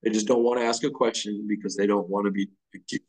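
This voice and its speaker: A man's voice: lowish voice, fairly even intonation, fast, a little mellow, breathy edge, low-quality recording. A middle-aged man guest on a podcast, explaining ideas in a blunt, profane, casual way. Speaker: podcast guest, fire lieutenant. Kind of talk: casual conversational chat.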